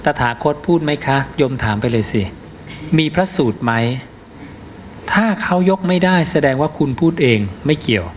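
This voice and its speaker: A man's voice: a little high, lively intonation, moderate pace, slight background noise. A middle-aged man, a Buddhist monk, answers a question in an emphatic dharma talk and keeps tagging his points with a short particle. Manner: emphatic, repeats "นะ" as a tag.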